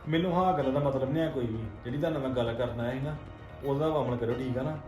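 A man's voice: medium pitch, fast talker, darkish tone, close to an everyday voice. A young man playing a resentful stepson who speaks bluntly and dismissively in a homemade family drama. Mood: cold, resentful. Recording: roomy room with faint music.

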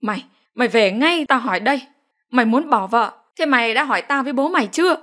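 A woman voicing a flustered elderly village grandmother who scolds in rapid bursts. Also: fairly high pitch, lively intonation, dark tone, husky, pitched above the performer's own voice. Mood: furious. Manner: scolding, frantic, rapid-fire.

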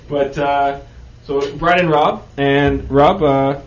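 A man's voice: a little high, a little hiss or hum. A man hosting a casual radio show from a studio and asking loose, rambling questions. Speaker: radio host. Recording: dull roomy studio sound.

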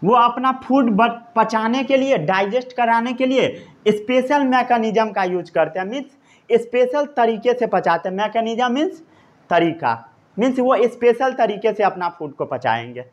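A man's voice: very high voice, animated, normal speed, muffled recording. A man with an Indian accent teaching a science lesson, repeating each point, quizzing the class and dictating notes. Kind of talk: classroom lecture.

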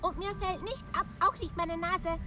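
A woman voicing a worried, whiny tomcat puppet with a high squeaky voice and a lilt. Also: moderate pace, over music. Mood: fretful. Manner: anxious, fretting, childlike. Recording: distant with background noise.

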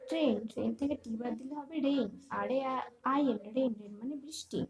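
A woman's voice: high voice, a crowd in the background, low-quality recording. Woman spelling out words for kids. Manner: spells words letter by letter, then gives meanings; slow, deliberate dictation. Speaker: teacher. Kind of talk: reading out an English workbook lesson.

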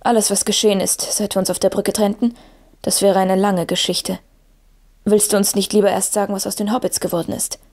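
A woman's voice: medium pitch, flat delivery, brisk, a little mellow, lightly acted. A woman voicing an earnest male ranger and leader who asks direct questions.

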